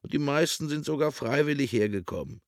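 Man voicing a carefree smuggler, higher voice, light tone, dry close recording. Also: lively intonation, a little fast, dry recording, lightly acted. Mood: unbothered. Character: easygoing adult man Carlo, the smuggler's partner.

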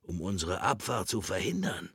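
A man voicing a gruff scarred man who leads a group of boys, talking low and curt. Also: big pitch swings, normal speed, a bit bright, no echo, clean studio sound, exaggerated voice. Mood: hushed. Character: gruff scarred man, leader of the child transport.

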